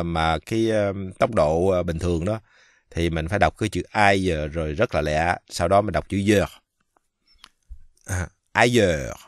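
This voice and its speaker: A man from Vietnam giving a casual pronunciation lesson, speaking slowly and haltingly with many fillers and drawing out the example words. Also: low-pitched, no room sound, clean studio sound. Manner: slow, halting, many fillers, repeats French words drawn out. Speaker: French teacher.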